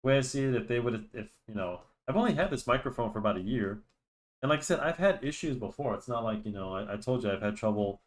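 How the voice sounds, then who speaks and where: A young drawing channel host speaks fast and expressively at a medium pitch while chatting casually as he draws. He rambles through many restarts and fillers into a desk microphone, sounding slightly nasal because of a cold.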